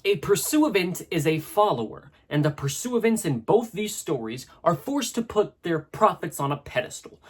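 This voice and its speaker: Husky man narrating a video essay. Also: high voice, sing-song, normal speed, hardly any pauses. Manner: conversational and analytical, with asides.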